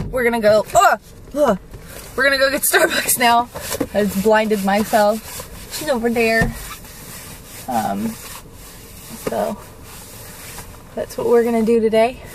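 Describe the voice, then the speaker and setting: Slow-talking giggly woman vlogger. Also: fairly high pitch, distant mic. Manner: giggly, laughs often. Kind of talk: casual vlog chat. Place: in a car and out and about. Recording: noisy handheld camera audio.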